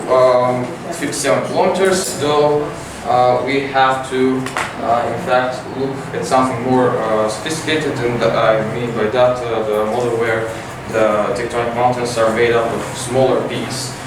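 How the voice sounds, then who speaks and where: A teenage boy giving a science competition report with many fillers and halting phrasing. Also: mid-range voice, steady tone. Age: teens. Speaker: student presenter. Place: large classroom with projector. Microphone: far camera. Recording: echoey room from far off, noisy.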